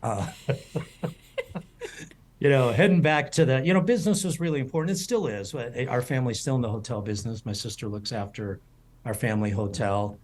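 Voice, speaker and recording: A man's voice: mid-range voice, moderate pace, a little mellow, slight background noise. A man in his fifties, a culinary school president, telling stories in an interview with many restarts and fillers. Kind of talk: storytelling interview answers.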